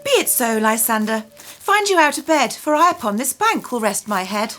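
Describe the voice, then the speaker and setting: A woman's voice: on the high side, very animated, normal speed, a bit bright. A woman playing a modest young woman in love, affectionate but firm, in a Shakespearean radio play.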